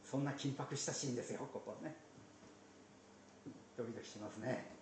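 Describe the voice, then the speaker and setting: A man teaching from the Bible in a conversational way, slipping in playful asides and soft laughs. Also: mid-range voice, moderate pace. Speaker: pastor. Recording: roomy echo, faint background noise.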